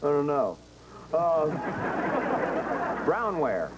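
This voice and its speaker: A man's voice: a little high, huge pitch swings, drawn-out words, heavy background noise. A man making casual comic banter as a celebrity game show panelist. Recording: 1980s TV studio, loud music bleed.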